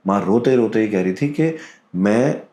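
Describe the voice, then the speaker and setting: Deep-voiced Indian man telling a story. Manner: calm, deliberate, drops into quoted voices. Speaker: podcast guest storyteller. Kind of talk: casual storytelling in Hindi-English mix. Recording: roomy echo.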